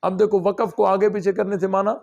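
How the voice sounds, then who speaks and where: Gravelly-voiced male religious teacher. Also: high-pitched, level tone, darkish tone, highs cut off. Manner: explains step by step, asks students questions. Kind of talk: classroom lesson on scripture.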